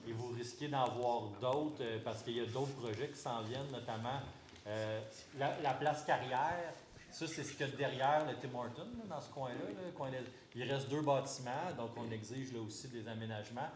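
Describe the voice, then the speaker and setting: A man's voice: mid-range voice, normal speed. A man with a Québécois accent, the mayor chairing a council meeting, explaining in a conversational way with many fillers. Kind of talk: explaining and answering at a public meeting. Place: council chamber. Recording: echoey chamber with faint background noise.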